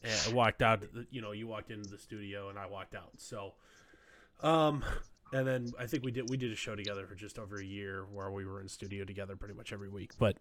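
A man with a fairly low voice co-hosts a casual podcast, laying out his argument deliberately and pausing often to think. The recording carries clear background noise and occasional clicks. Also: steady tone, fairly bright tone. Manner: measured, argumentative, with thinking pauses. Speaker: podcast co-host.

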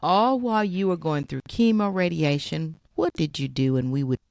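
Low gravelly woman interviewer, dry sound. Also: normal speed, a little mellow, dry recording. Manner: brief affirming backchannels. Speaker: interviewer host. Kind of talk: supportive interview.

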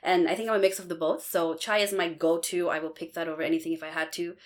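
A woman in her twenties from Bangladesh, co-hosting a casual podcast in a friendly, relaxed way. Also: fairly low pitch, fast. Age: 20s. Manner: friendly, relaxed, uses many fillers. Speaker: podcast co-host.

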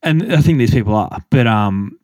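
A man's voice: medium pitch, lively intonation, moderate pace, darkish tone, dry recording, clean studio sound. A young man co-hosting a podcast, telling a running story in loose, filler-heavy casual chat. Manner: rambling storytelling with many fillers. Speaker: podcast co-host.

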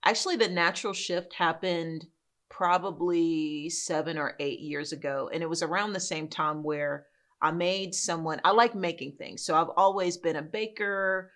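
Low-voiced woman telling her story. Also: moderate pace, fairly bright tone. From New York City. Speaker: guest, soap business owner. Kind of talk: casual interview.

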